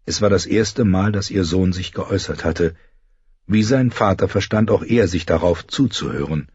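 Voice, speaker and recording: A man's voice: low voice, normal speed, a little mellow, breathy edge, no room sound. A man reading a story aloud in scripted audiobook narration, telling it expressively. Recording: dry, dull lo-fi audio.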